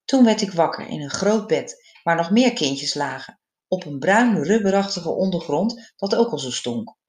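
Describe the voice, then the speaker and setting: A speaker in their sixties reading a personal childhood memory aloud, with wry, gently humorous storytelling. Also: mid-range voice, echoey room. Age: 60s. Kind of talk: read personal memoir narration.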